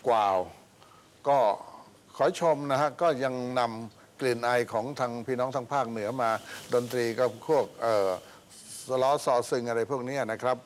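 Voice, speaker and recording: A man giving a measured, polite critique of a band as a TV contest judge. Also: medium pitch, little pitch movement. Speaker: talent show judge. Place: TV studio with audience.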